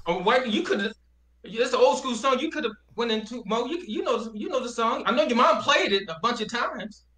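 A man's voice: extremely high pitch, animated, brisk, sharp tone, echoey room. A man co-hosting a gospel show, chatting playfully with frequent laughter and singing an old hymn a cappella. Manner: laughs often, playful teasing. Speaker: gospel singer and co-host.

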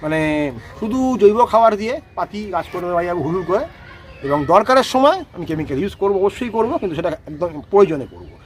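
Fast, high-pitched man teaching. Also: expressive. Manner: explanatory, repeats "ঠিক আছে?" to check understanding. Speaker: rose gardening expert. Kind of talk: casual outdoor demonstration.

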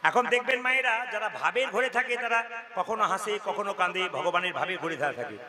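A man's voice: high voice, animated, brisk, pushed and bright. A man performing devotional storytelling to a live audience, talking directly to them and posing rhetorical questions. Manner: direct, instructs the crowd, asks rhetorical questions. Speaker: kirtan singer and storyteller. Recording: live crowd behind.

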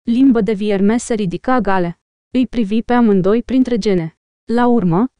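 A woman narrates an audiobook in an even, storytelling way. Her voice is smooth and mellow, a touch high, recorded dry and close with no room sound. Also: dry recording. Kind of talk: scripted narration.

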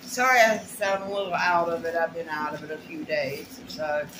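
A middle-aged woman vlogs her shopping haul in a small, plain room at home, chatting casually to camera as she unboxes. Her low voice keeps a fairly even intonation at normal speed, and the noisy recording carries a roomy echo.

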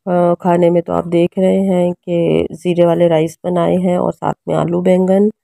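Chatty low-voiced mom vlogger. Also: female voice, flat delivery, moderate pace, gravelly, mellow, no room sound, clean studio sound. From Pakistan. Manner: chatty, homely, addresses viewers directly. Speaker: vlogger, mother and housewife. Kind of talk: casual home vlog narration. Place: small home.

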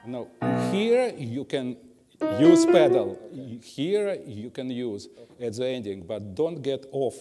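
A man coaching a piano master class, scatting rhythms aloud with syllables and giving blunt, drily humorous corrections. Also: mid-range voice. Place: music school teaching hall. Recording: long hall reverb, faint piano.

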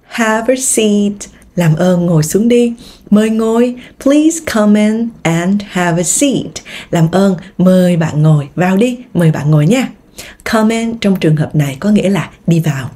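A Vietnamese English teacher giving an online lesson, saying English example phrases slowly and drilling their pronunciation. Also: female voice, medium pitch, mellow. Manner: slow, drawn-out example sentences with careful pronunciation drills.

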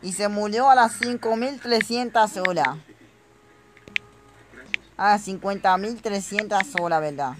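A man's voice: high voice, measured pace, long pauses, heavy background noise. A man giving comedic gameplay commentary, talking straight to his viewers and breaking into panicked shrieks. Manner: chatty, addresses viewers directly. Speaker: gaming youtuber.

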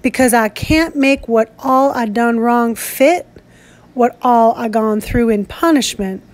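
A cold, brooding outlaw, played by a woman reading a story, speaking low and flat in a grim, steady drawl. The menace stays quiet and measured. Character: cold, brooding male escaped convict.

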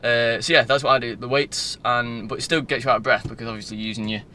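A fast-talking Northern English vlogger in his 20s speaks with a sharp, medium-pitched voice and fairly even intonation. He wanders loosely through casual chat, recorded on a phone at arm's length in a car with faint background noise.

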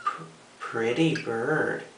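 Male pet trainer, gravelly, repetitive short coaxing phrases to a bird, picked up at a distance in a bathroom. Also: medium pitch, drawn-out words. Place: small indoor bathroom at a sink. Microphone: camera a short distance away. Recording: roomy echo, distant mic, faint hiss.

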